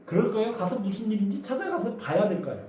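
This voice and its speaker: Male pastor, animated sermon, mellow high voice, far from the mic, very echoey church hall, faint noise. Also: fast. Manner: animated storytelling, acts out voices; asks the congregation questions. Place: church sanctuary.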